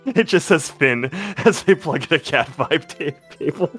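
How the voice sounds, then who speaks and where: A man's voice: on the high side, lively intonation, moderate pace, a bit bright, husky, soft background music. A man co-hosting a casual chat, rambling and joking with lots of "like". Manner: rambling, joking, many fillers like "like". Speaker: podcast co-host.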